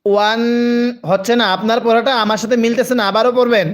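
A man's voice: sits high, steady tone, fast. A man who teaches Quran reading live, spelling out letters and vowels, drawing out each word, and urging listeners to read aloud with him. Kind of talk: live Quran reading lesson, call-and-repeat.

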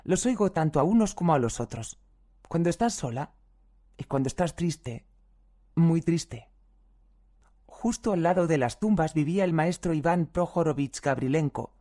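A reader with a medium-pitched voice gives a calm, measured audiobook reading of first-person testimonies, also reading the translator's footnotes aloud.

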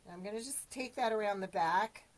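A woman with a mid-range voice talks fairly quickly through a live craft tutorial, chatting about each step, welcoming viewers, and coughing now and then after choking. The recording quality is low.

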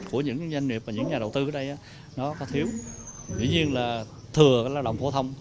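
Middle-aged official outdoors. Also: male voice, medium pitch. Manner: plain-spoken, halting explanations with fillers. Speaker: agricultural zone official. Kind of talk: news interview. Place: outdoors in a park. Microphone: handheld reporter mic. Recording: outdoor insects and birds behind.

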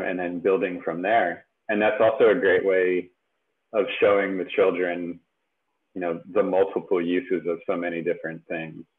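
A man presenting in a casual webinar from home with a headset, relaxed and chatty with many fillers. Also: deep voice. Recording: tinny phone-like webinar audio.

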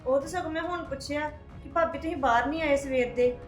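A woman with a Punjabi accent acting in a family drama, talking quickly and emphatically. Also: high voice, faint music behind. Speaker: Sandeep, visiting sister-in-law.

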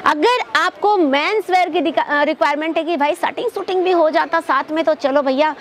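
High-voiced young woman pitching sarees. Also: normal speed, slight background noise. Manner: upbeat sales pitch, addresses viewers as friends. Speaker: presenter of a wholesale saree showroom video. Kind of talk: promotional vlog presentation. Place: indoor textile shop with stacked saree shelves.

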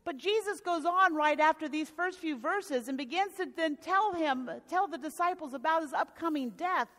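A woman pastor preaches a sermon in a church sanctuary, telling a gospel story and restarting a few times. Her voice is high-pitched and a bit bright, at a moderate pace. The sanctuary is reverberant.

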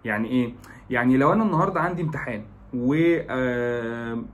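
A man's voice: medium pitch, quick pace. A young man with an Egyptian Arabic accent, giving an educational talk as presenter, explaining with many English terms and frequent "aah" fillers.

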